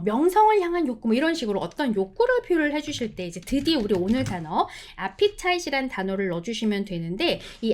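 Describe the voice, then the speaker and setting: Woman english teacher, kinda high voice that bounces around a lot, walks thru each step, slows way down on english phrases. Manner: lively, explains step by step with frequent check-in questions. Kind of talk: online exam-prep lesson.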